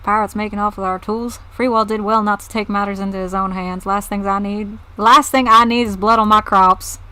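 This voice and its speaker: A woman's voice: mid-range voice, fairly even intonation, takes it slowly, warm tone, natural voice, rough recording. Casting: blustery old game farmer man who curses pirates with old-fashioned insults, put on by a woman streamer. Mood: gruff. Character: gruff older male farmer leader, blustery.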